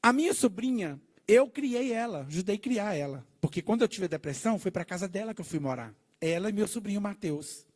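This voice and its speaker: A middle-aged man preaches his testimony to a church congregation. His voice sits high and swings widely as he tells the story with animation, acting out the dialogue and checking in with the listeners. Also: animated, brisk, few pauses, a little mellow. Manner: addresses the congregation with "né" and "gente". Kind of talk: testimony sermon.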